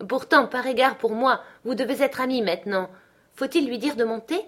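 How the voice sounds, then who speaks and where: Passionate young lady of the manor, read by a woman: breathless, eager, high-strung, for an audiobook. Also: normal speed, close to an everyday voice. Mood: coaxing. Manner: breathless, excited outbursts. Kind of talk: audiobook reading.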